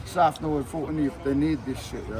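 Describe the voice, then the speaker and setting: A man's voice: on the high side, fairly quick, a crowd in the background. A man, a passer-by chatting on the street, tagging nearly every sentence with "yeah?" and "you get me?". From England. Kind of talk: street conversation. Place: outdoors on a busy street. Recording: loud traffic noise outdoors.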